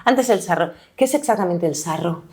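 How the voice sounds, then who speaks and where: A woman's voice: fairly low pitch, lively intonation, fairly quick, warm tone. A woman from hosting a wellness interview, asking follow-up questions in a casual way. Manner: prompting questions, conversational. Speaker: podcast host.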